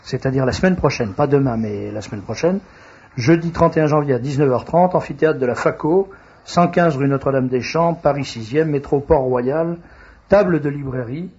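A man with a husky, slightly rough voice hosts a radio talk show, reading out announcements and stopping often to hesitate. The recording is dull and lo-fi. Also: medium pitch, a little mellow. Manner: halting, frequent hesitations. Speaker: radio host.

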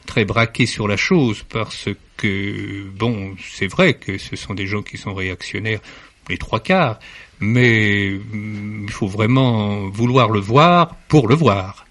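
Speaking slowly in a lowish, slightly bright voice, a man takes part in a radio studio discussion as a literary critic guest. His delivery is formal but halting, full of fillers and restarts, and it is captured on a studio microphone.

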